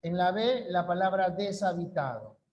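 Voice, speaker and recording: A man's voice: high voice, animated, moderate pace, a little mellow, lo-fi sound. A male language teacher giving an online class lecture, repeating key rules and checking understanding with short questions.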